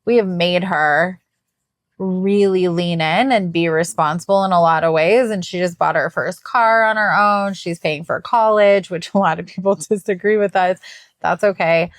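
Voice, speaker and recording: A woman's voice: fairly low pitch, normal speed, no room sound, studio quality. A middle-aged woman co-hosting a podcast in casual, rambling chat, tired and yawning, laughing often. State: sleepy. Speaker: podcast co-host.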